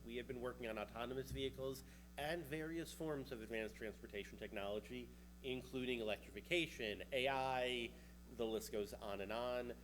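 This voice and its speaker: A man with a New York accent, a researcher, gives a casual conference talk on vehicle technology, chatty and now and then tossing in a joke. His voice is mid-range and fairly bright, at a normal speed. The audio is poor, with slight background noise.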